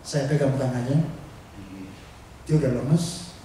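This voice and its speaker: A male pastor preaching a sermon, telling a personal story in an animated, humorous way. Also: mid-range voice, slow pace, slight background noise. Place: church hall. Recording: echoey hall from far off.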